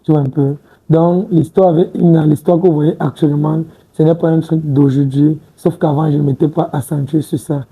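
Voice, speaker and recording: A man's voice: fairly high pitch, steady tone, normal speed, gravelly, warm tone, breathy edge, rough recording. A man in his twenties, a guest in a studio interview, talking casually and hesitantly, restarting words and often adding "tu vois un peu". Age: 20s. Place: TV studio set.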